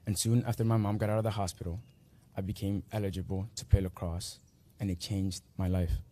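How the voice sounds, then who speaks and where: A deep, mellow voice with a level tone belongs to a young Guatemalan man in his late teens, a native Spanish speaker. At a school graduation ceremony, he reads his personal essay aloud earnestly in short, measured phrases.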